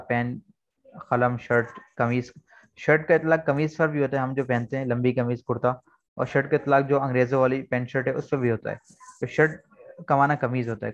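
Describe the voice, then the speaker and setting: A man's voice: medium pitch, highs cut off. A man teaching an online English lesson, explaining words patiently and repeating key points. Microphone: video call.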